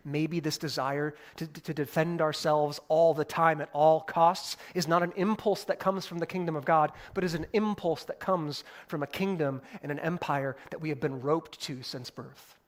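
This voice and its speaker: High-voiced man preaching a lively sermon. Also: moderate pace, hardly any pauses. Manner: conversational, animated preaching with casual asides. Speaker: pastor.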